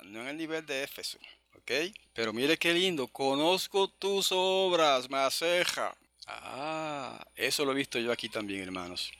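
A man teaching a verse-by-verse Bible study to an online congregation, patiently explaining and slowly sounding out Hebrew words. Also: mid-range voice, sharp tone, no room sound. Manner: explains patiently, checks in with "¿verdad?"; spells out Hebrew words slowly, stressing syllables.

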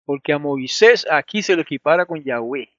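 A man's voice: on the high side, animated, normal speed, a bit bright, no echo. Man teaching a Bible study, dry lo-fi sound. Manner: explanatory, asks rhetorical questions.

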